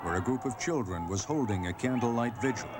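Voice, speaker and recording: A man narrating a television news documentary in a measured, solemn scripted delivery. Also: mid-range voice, animated, very noisy.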